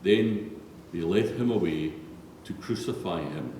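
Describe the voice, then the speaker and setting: A man with a low, expressive voice reads a solemn, scripted Bible passage at an unhurried pace in a large church. The recording sounds distant and echoey, as in a reverberant church hall, with faint noise.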